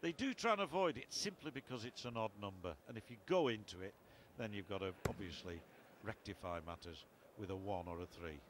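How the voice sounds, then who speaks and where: A man's voice: fairly low pitch, expressive, brisk, hardly any pauses. A man giving darts commentary on television with conversational asides. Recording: clearly noisy broadcast with arena ambience.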